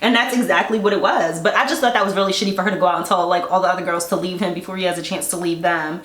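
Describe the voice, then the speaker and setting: A woman co-hosting a casual chat recap, animated, acting out quotes and swearing freely. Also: lowish voice, very fast, roomy sound. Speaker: podcast co-host.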